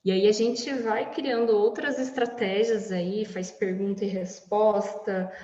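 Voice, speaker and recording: A woman's voice: medium pitch, fairly even intonation, unhurried, warm tone, echoey room, in a large hall, muffled recording. A woman music therapist explaining her work in a casual podcast conversation, often adding "né" as she talks. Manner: explanatory, many "né" tags.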